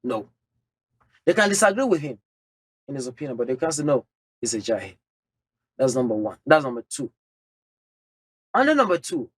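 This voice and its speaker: An Islamic teacher with a high voice gives an emphatic religious lecture, counting off numbered points and using Arabic terms, recorded without echo.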